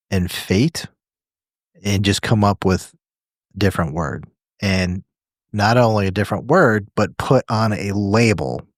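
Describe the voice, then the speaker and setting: Low-voiced man explaining with wry asides. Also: dry recording. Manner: explains with long hypothetical examples, wry. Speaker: podcast co-host. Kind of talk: casual chat.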